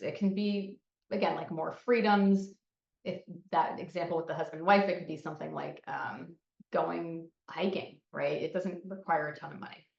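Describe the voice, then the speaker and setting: A woman's voice: on the low side, gravelly. A woman presenting a psychology lesson in a conversational style, often checking in with "right?". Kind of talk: recorded presentation. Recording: muffled, echoey, from a distance.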